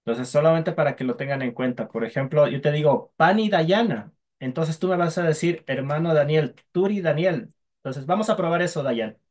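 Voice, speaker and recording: A man's voice: on the high side, moderate pace. A man teaching a language class online, patiently drilling sounds for students to repeat.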